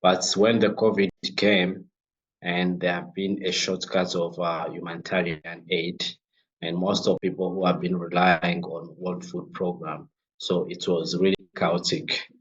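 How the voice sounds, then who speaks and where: Young congolese guy, really low voice, lots of uhs and restarts, muffled audio. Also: little pitch movement. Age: young adult. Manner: halting, many fillers and restarts. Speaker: guest, refugee-led organization founder. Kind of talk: interview conversation.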